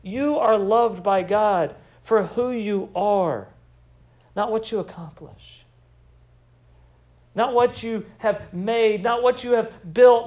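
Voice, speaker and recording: A man's voice: high voice, darkish tone. A young man delivers a sermon as a pastor, earnest and emphatic. He leans on short repeated phrases to drive each point home. The recording sounds slightly dull.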